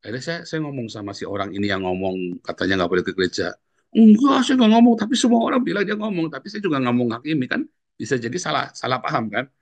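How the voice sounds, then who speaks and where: A middle-aged man preaching a sermon as pastor, telling stories in a casual way and often turning to the congregation. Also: fast. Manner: storytelling, addresses congregation as "saudara", lively swings in pitch.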